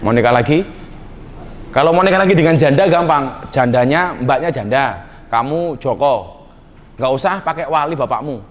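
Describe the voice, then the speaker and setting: A man's voice: medium pitch, animated, normal speed. A middle-aged man with a Javanese accent, preaching in a teasing, jokey way to a nightclub crowd. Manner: teasing, jokey, mixes Javanese slang into his talk. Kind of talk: joking sermon to a nightclub crowd. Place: nightclub hall with a live audience.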